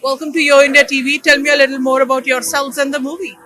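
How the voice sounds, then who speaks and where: A woman's voice: high-pitched, level tone, fast, bright, forceful tone. A woman hosting a casual on-camera interview. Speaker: interviewer and host.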